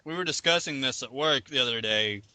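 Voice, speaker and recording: A man's voice: mid-range voice, brisk, sharp tone, smooth, no room sound. A man hosting a gaming podcast, joking with friends and posing discussion questions. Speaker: podcast host. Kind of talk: casual chat.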